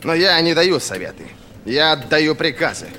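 A man's voice: fairly high pitch, sing-song, normal speed, bright, forceful tone, slight background noise, pitched above the performer's own voice. A man voicing a stern, curt older army commander in an audiobook, speaking bluntly and with authority. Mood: commanding.

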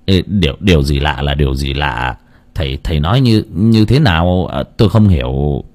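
A man's voice: rumbling low, animated, moderate pace, darkish tone, voice pushed down. A man voicing a flustered middle-aged driver in an audio story, stammering and hesitant.

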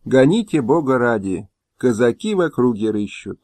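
A man's voice: mid-range voice, big pitch swings, normal speed, a little mellow, no room sound, close to an everyday voice. A man voicing an elderly male nobleman who is quarrelsome, scornful and snappish. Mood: irritable.

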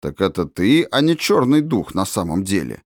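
A man's voice: deep voice, big pitch swings, normal speed, dry recording, studio quality. Denis: a man doing a bossy, plotting teen ringleader. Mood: sulky. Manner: bossy, conspiratorial. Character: scheming older teenage boy, ringleader. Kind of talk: audiobook character voice.

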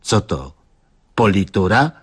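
Sullen village boss who drinks, gruff and husky, as a narrator puts him on. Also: male voice, lowish voice, very animated, takes it slowly, exaggerated voice. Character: grumpy drinking village head, middle-aged man.

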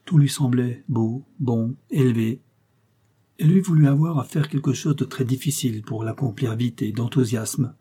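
A man narrating a novel aloud in a calm, measured reading. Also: mid-range voice, husky. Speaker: audiobook reader. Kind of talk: scripted narration.

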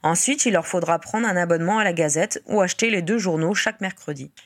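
A woman's voice: on the low side, quick pace, lightly acted. Woman reading as Lee, a weary male wizard journalist. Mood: explaining.

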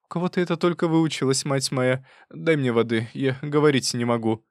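A man reading an audiobook, voicing a fierce old woman who scolds her niece in a loud, folksy way. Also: medium pitch, steady tone, a little fast, dry recording, clean studio sound, pitched above the performer's own voice, close to an everyday voice. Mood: scolding.

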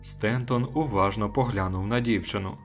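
A man narrating a short story as an audiobook in a steady, measured way. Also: fairly low pitch, faint music behind.

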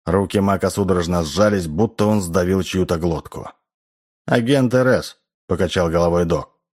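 A man narrating an audiobook in an even, measured reading. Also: low-pitched. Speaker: audiobook reader. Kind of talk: scripted narration.

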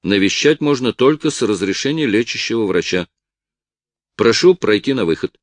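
A man's voice: on the low side, animated, normal speed, no echo. A man voicing a suspicious, officious hospital nurse who questions and orders curtly. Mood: stern. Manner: curt, interrogating.

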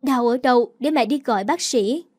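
A woman's voice: on the high side, normal speed, darkish tone, dry recording, clean studio sound, natural voice. A woman voicing a worried mother who anxiously fusses over her daughter. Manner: anxious, doting. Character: worried caring mother, middle-aged woman.

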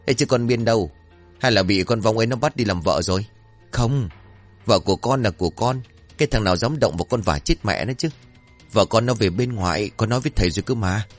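A man's voice: on the low side, brisk, soft background music, natural voice. A man voicing a cowardly, dim-witted young village man who pleads and panics in a raised voice. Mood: panicky.

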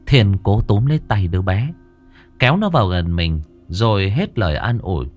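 Male ghost-story narrator with a low, animated delivery over soft music. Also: normal speed. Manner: lively dramatic storytelling.

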